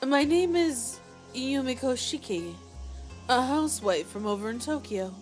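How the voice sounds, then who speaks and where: A woman voicing a polite, formal young woman as she reads game dialogue aloud, with a courteous, measured manner. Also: high voice, animated, music in the background.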